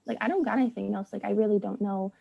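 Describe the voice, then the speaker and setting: A woman's voice: mid-range voice, quick pace, vocal fry, slightly rough, lo-fi sound. A young woman from the United States talks casually as a guest, chatty and full of "like", acting out quotes as she goes. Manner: chatty, lots of "like", acts out quotes. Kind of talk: casual conversation.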